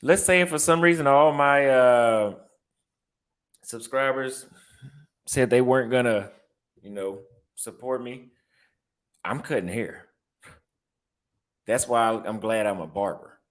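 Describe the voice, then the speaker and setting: A young Texan barber who vlogs chats casually while browsing apartment listings, reacting out loud and repeating his phrases. His voice is mid-range, and he talks slowly with frequent pauses.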